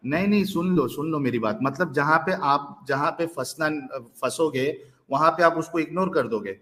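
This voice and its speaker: A man's voice: a little high, normal speed, sharp tone, a little hiss or hum. A man hosting a heated online debate, insistent, interrupting and pressing for proof. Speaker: debate host.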